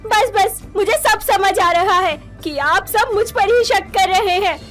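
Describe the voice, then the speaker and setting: A woman voicing a scheming young bride in an animated story, indignant and pleading by turns. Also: very high voice, unhurried. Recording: background music under the voice.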